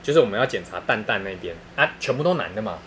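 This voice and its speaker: A man's voice: fairly low pitch, expressive, racing, a bit bright, a little hiss or hum. A man with a Taiwanese Mandarin accent telling funny stories in casual chat, laughing often and using crude slang.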